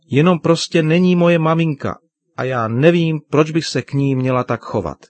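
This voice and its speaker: A man's voice: on the high side, no room sound, voice pushed up, natural voice. Man doing a resentful teen girl, raised voice, indignant, protesting, children's radio story, dry sound. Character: upset teenage girl, grieving and resentful.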